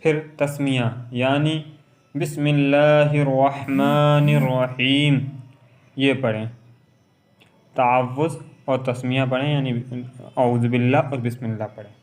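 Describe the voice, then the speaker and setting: A man teaching how to pray, explaining each step and repeating it, then reciting Arabic verses in a slow chant. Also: mid-range voice, fairly even intonation. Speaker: religious teacher. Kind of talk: instructional lesson on prayer.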